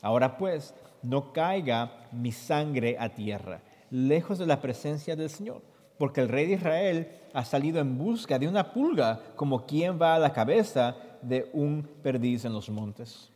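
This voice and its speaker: A man interpreting a sermon and reading scripture. He reads expressively and his voice jumps high in the quoted questions. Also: lively intonation, a little slow, darkish tone. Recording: long hall reverb.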